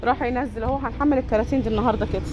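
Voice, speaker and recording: This vlogger, a woman with an Egyptian Arabic accent, tours a poultry yard and shop in casual fashion, speaking directly to viewers while walking. She talks rapid-fire in a voice on the high side with fairly even intonation. The audio is dull and very noisy.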